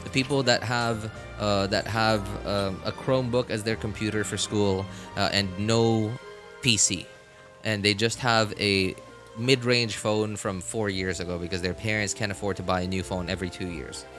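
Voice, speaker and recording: A game streamer with a fairly low, steady voice chats casually on his livestream at normal speed while music plays in the background. His talk is slangy and rambling, and he often repeats phrases.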